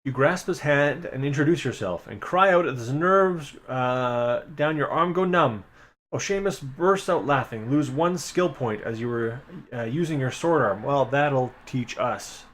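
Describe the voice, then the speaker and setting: A man's voice: medium pitch, expressive, a little slow, a bit bright. A man streaming a live reading of an adventure gamebook, reading passages aloud and making chatty, wry asides to his chat. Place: home streaming setup.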